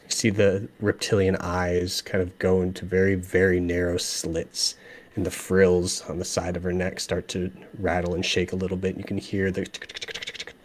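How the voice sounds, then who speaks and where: A man with a fairly low voice narrates a tabletop game as game master. He talks in a relaxed, meandering way and often stops on fillers as he paints the scene. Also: moderate pace.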